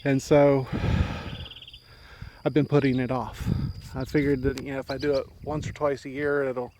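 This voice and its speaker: A man's voice: mid-range voice, little pitch movement, normal speed, darkish tone, a little hiss or hum. A man giving a meandering, easygoing tour of his rural property while talking, a little out of breath. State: slightly out of breath. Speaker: homesteading vlogger. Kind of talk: casual walking tour chat.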